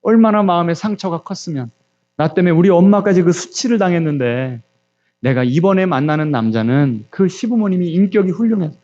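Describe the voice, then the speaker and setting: A man's voice: fairly high pitch, mellow, lo-fi sound. A male pastor preaching, telling stories and acting out quoted voices while questioning the congregation. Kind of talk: sermon.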